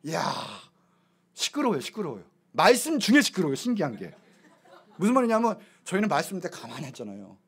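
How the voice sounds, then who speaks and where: A male pastor preaching a lively sermon in a church, swinging between loud exclamations and hushed asides. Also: sits high, fast talker, slightly rough. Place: church sanctuary.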